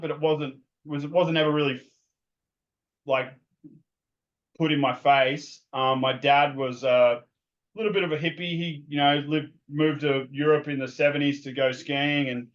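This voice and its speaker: A man with an Australian accent tells his story as a guest in casual interview talk, loose and rambling with lots of ums and restarts. His mid-range voice has a fairly bright tone, and the highs are cut off.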